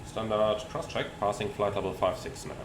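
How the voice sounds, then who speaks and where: Guy with lowish voice doing pilot sim commentary, explains stuff, echoey, steady noise behind. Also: brisk. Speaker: airline pilot presenting a flight simulator. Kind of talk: explanatory commentary with radio readbacks. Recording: roomy sound with steady cockpit noise.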